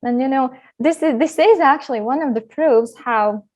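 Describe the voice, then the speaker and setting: A woman's voice: sits high, normal speed, darkish tone. A woman from Latvia, a guest on a podcast, explaining her work in an upbeat, eager way. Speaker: hypnotherapy guest. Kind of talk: podcast interview.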